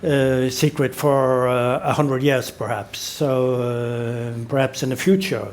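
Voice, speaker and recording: A man, a guest crime writer giving halting, considered answers. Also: medium pitch, steady tone, slight background noise. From Norway.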